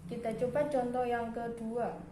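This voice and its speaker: A woman's voice: a little high, little pitch movement. Patient woman teacher in an echoey room. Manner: slow, patient explaining with frequent "nah". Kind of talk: primary school math lesson. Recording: echoey room with background noise.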